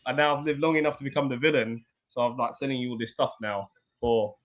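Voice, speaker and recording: A man's voice: medium pitch, fast. A man on a podcast panel in casual banter, playful and teasing the others.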